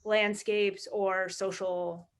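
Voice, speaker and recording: A woman's voice: medium pitch, level tone, drawn-out words. A woman speaking as an audience member at an academic defense, informal and a little tentative in her phrasing. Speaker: audience member asking a question.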